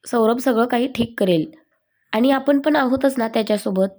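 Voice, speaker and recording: A woman's voice: on the high side, normal speed, close to an everyday voice. A woman voicing a soothing young daughter-in-law. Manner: soothing, gentle. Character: caring young woman comforting her mother-in-law.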